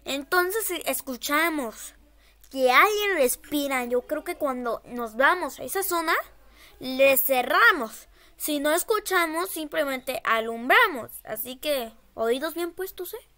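Scared, high-voiced woman streaming a horror game. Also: lively intonation, a little slow, sharp tone. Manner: scared, nervous, repeats short phrases. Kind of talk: casual gameplay commentary.

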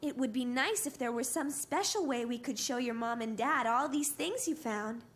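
An actress playing a cheerful, encouraging young babysitter in a children's cartoon, speaking in an upbeat way. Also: female voice, a little high, normal speed, natural voice.

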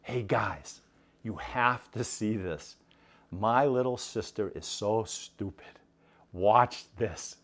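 A man voicing a mocking thirteen-year-old boy who talks in hushed, sneering asides. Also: fairly low pitch, slow.

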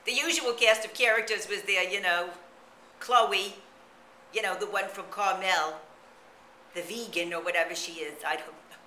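Man voicing a brassy, frail old gossip of a lady, bright wobbly voice, roomy echo. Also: high-pitched, steady tone, moderate pace, pauses often, a little hiss or hum. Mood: gossipy. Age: older. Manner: chatty, rambling, full of "you know" and cackling asides. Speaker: comic character monologue. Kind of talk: character comedy monologue to camera.

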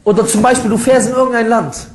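A man giving an informal religious lecture that rebuts critics, lively and mocking, with ironic asides and quick laughs. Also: very high-pitched. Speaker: Islamic preacher. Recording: echoey room sound.

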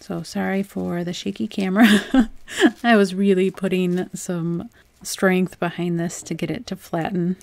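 A young adult woman hosting a home crafts channel, talking through a project in a relaxed, chatty voice-over with frequent "um"s. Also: fairly low pitch, unhurried, creaky, no echo. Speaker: DIY crafts channel host. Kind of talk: casual voice-over tutorial.

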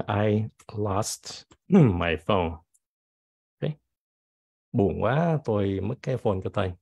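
A man teaching English vocabulary in a bilingual lesson, with a cold that makes him clear his throat, reading example sentences slowly. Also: on the low side, animated, darkish tone, dry recording. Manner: switches between English and Vietnamese, reads example sentences slowly.

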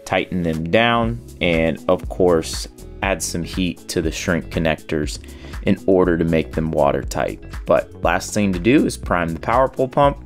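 A man in his thirties giving a steady, step-by-step voice-over on a boat installation. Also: low voice, measured pace. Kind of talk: voice-over how-to narration. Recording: faint music underneath.

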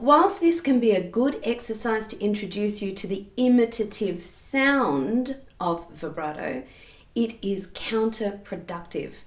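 A woman giving a singing lesson, explaining technique and demonstrating sounds. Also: on the high side. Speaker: singing teacher. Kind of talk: vocal lesson. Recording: roomy echo.

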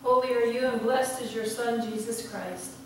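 An older woman pastor recites communion liturgy in measured, solemn phrases. Her delivery stays fairly level in pitch. The voice rings with a heavy cathedral echo and sounds distant from the mic, with clear noise around it. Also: steady tone. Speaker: pastor leading a church service. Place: church sanctuary, indoors at the altar. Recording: very echoey church, distant mic, background noise.

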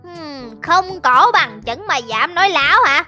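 A woman's voice: sits high, animated, a little slow, bright, forceful tone, faint music behind, exaggerated voice. A woman voicing a blustering, threatening male village police officer in a game video. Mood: mock-stern. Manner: blustering, threatening mock-stern.

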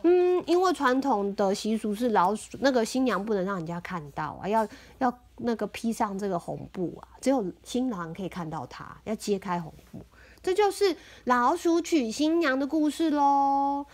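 Woman, 30s, Taiwanese Mandarin accent, high-ish voice; gentle storybook reading to a child. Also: lively intonation, moderate pace. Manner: sing-song chanting of rhymes, gentle questioning of a small child. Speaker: mother reading a picture book to her child. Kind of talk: casual shared storybook reading.

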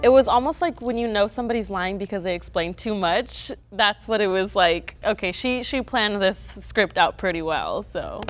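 A woman's voice: medium pitch, animated, normal speed, few pauses, crowd noise. Curious young woman. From California. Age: young adult.

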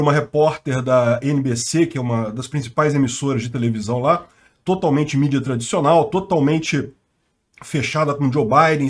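A man with a Brazilian Portuguese accent, hosting a channel and commenting on the news in a chatty, slangy way, laughing often. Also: mid-range voice. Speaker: channel host.

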